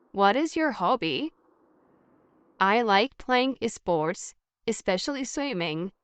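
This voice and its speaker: A woman teaching English through a scripted practice dialogue, speaking at a very slow, deliberate pace. Her voice is smooth and crisp, and she sits a little high for a woman. Every line comes out carefully enunciated in a dry, close sound. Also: a bit bright, no echo. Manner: reads each question and answer twice, carefully enunciated. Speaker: language teacher.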